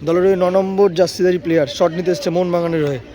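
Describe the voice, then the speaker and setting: Fast-talking man calling football amid crowd noise. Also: sits high, fairly even intonation. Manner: repeats phrases for emphasis. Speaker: football commentator. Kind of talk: live penalty shootout commentary. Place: outdoors at a local football match. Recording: outdoor recording with crowd noise.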